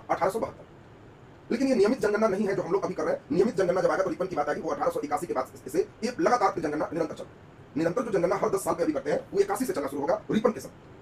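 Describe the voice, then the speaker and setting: Rapid high-voiced teacher. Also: male voice. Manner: exhorting, quizzing students, repeats emphatic words. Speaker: coaching teacher. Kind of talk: exam-prep history lecture. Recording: distant mic with faint rumble.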